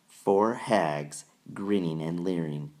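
A man reading a children's novel aloud in measured, deliberate storytelling narration. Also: low-pitched, darkish tone. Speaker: audiobook reader. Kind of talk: scripted narration.

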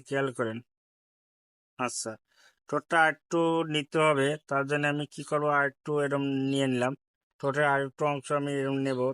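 Dry, clear-voiced man walking through app steps. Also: medium pitch, a bit bright, no echo. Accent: Bangladeshi Bengali. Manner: repetitive step-by-step instruction, addresses viewers politely. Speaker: tech tutorial host. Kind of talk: screen-recorded app tutorial.

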